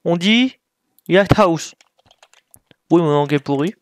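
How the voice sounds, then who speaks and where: A man's voice: on the high side, slow, no room sound. A man giving casual gameplay commentary, thinking aloud while he plays and mocking himself with frequent apologies. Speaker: gaming YouTuber.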